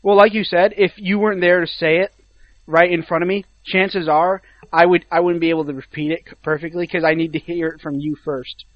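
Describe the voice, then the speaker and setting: High-voiced young man on dull audio. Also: a little fast, no echo. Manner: animated, teasing. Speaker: podcast co-host. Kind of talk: casual chat.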